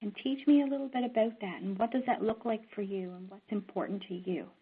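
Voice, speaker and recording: A woman's voice: mid-range voice, husky. Woman teaching, tinny narrow sound. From Newfoundland and Labrador, Canada. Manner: earnest, steady and conversational, often pausing on "um". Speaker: social worker. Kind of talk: instructional talk.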